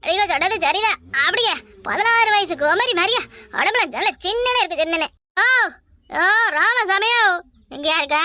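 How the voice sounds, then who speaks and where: A woman voicing a boastful, tipsy old mother-in-law in a cartoon, loud, scolding and sing-song. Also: extremely high pitch, dry recording, clean studio sound. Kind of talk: cartoon voice acting.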